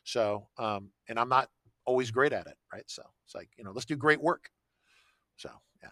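Man, bright forceful tone, casual conversation, rambling restarts, dry close sound. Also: mid-range voice, normal speed, no echo. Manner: rambling, frequent restarts and "right?" tags. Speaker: podcast guest.

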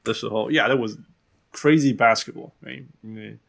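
A man hosts a casual sports conversation in a Taiwanese accent. His voice has a creaky, gravelly edge at a medium pitch. He hops between Mandarin and English within a sentence and drives points home by repeating words. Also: normal speed, fairly bright tone. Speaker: podcast host.

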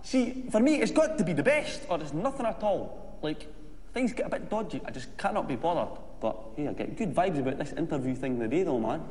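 An actor playing an amiable young Scottish slacker in a film comedy, rambling nervily and over-eagerly through a job interview. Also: male voice, a little high, sing-song, fairly quick, a little mellow. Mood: eager, chirpy. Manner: nervy, scattered, over-eager. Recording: echoey hall, faint noise.

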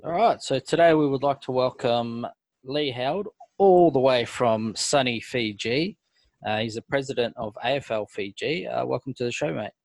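A man's voice: medium pitch, moderate pace, creaky, a little mellow, no room sound. An Australian man hosting a casual club podcast, laid-back and calling people mate. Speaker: podcast host.

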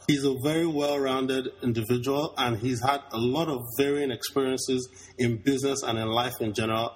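A male podcast host with a husky, slightly breathy voice at a middle pitch. He speaks in an upbeat way, piling up long lists as he welcomes listeners. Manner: upbeat, lists things at length. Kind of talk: podcast hosting and interviewing.

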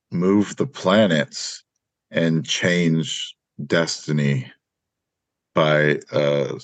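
A man's voice: extremely low pitch, dry recording. A man hosting a podcast in casual chat, easygoing and joking. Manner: easygoing, joking, quick to laugh.

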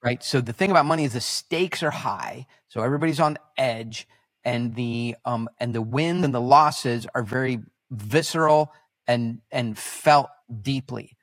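Male podcast guest, mid-pitched, halting but animated storyteller, dry booth sound. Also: no room sound. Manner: halting, self-correcting, animated anecdotes.

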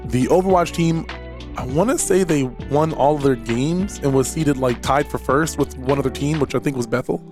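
A man's voice: mid-range voice, normal speed, over music. A man, hosting a casual solo podcast and talking in a rambling way with repeated words and fillers. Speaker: podcast host and esports director.

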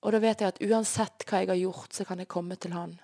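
Earnest woman with a creaky voice. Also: mid-range voice, fairly even intonation, warm tone. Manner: earnest, emotional storytelling. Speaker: guest sharing her life story. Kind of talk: personal faith testimony.

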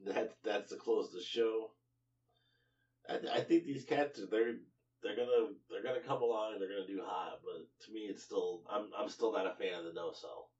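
A man's voice: lowish voice, moderate pace, darkish tone. A man co-hosting a casual wrestling podcast, laid-back, with dry remarks and frequent laughs. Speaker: podcast co-host. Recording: muffled sound from a distant mic.

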